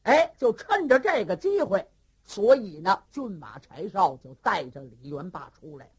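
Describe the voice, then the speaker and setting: Husky, animated traditional storyteller. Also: mid-range voice, measured pace. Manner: animated, colloquial.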